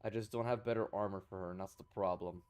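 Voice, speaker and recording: A man's voice: sits low, steady tone, fast, darkish tone, smooth. A man streaming a game, chatting casually as he plays, rambling and correcting himself with sarcastic asides. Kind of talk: casual gameplay commentary.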